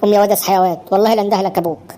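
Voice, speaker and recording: A woman's voice: mid-range voice, steady tone, rapid-fire, dark tone, close to an everyday voice. A woman voicing a doting but nagging mother in a cartoon, coaxing her son awake in an Egyptian Arabic accent. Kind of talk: cartoon voice acting.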